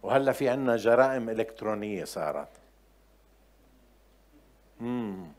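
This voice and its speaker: In a fairly low, animated voice at normal speed, a middle-aged Levantine-accented preacher tells chatty stories from his own life. He moves from hushed asides to loud, forceful points.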